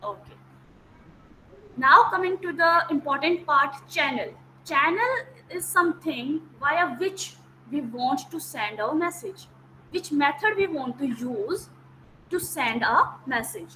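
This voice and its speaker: Speaking high, bright and forceful, this woman is expressive yet slow as she delivers an online lecture through a video call. A Hindi-native academic counsellor, she walks students through each step, repeats key terms and checks their understanding, over rough audio with slight background noise.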